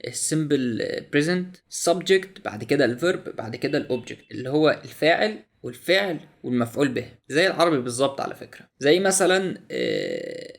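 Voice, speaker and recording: A man's voice: on the high side, huge pitch swings, fast talker, creaky. A young man with an Egyptian Arabic accent casually walks through a language app on screen, often exclaiming in surprise. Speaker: YouTuber reviewing a language app.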